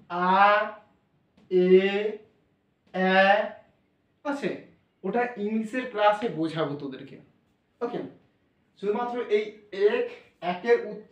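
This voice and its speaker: A man's voice: sits high, darkish tone. A male maths teacher with a Bengali accent giving an informal, reassuring classroom lesson and thinking aloud as he explains. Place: classroom with blackboard. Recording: roomy, voice from a distance.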